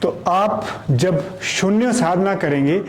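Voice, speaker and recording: A man teaching communication skills, speaking slowly and deliberately, asking questions and then answering them himself. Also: sits high, a little hiss or hum. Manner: slow, deliberate teaching delivery, drawing out and repeating key words; mixes English terms into Hindi explanations. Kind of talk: spoken lesson on communication skills.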